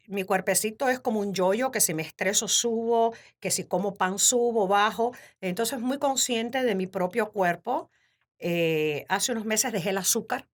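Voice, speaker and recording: A Cuban woman in her fifties, speaking in an animated, laughing way as a guest in a casual interview. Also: medium pitch. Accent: Cuban Spanish. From Cuba. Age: 50s. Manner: warm, animated storytelling with frequent laughter. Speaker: podcast guest.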